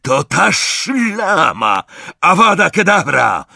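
A man's voice: a little high, wildly swooping pitch, drawn-out words, no room sound, clean studio sound, pitched above the performer's own voice, exaggerated voice. A man reading an audiobook and voicing a brutish, thuggish teenage boy who bellows his lines. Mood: furious. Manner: bellowing, raised shouting.

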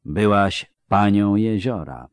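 A man's voice: fairly low pitch, expressive, slow, no echo, clean studio sound. A man murmuring as a grave, weary mercenary. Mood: sombre. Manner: quiet, sombre murmur. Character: grave, weary male mercenary, quiet-spoken.

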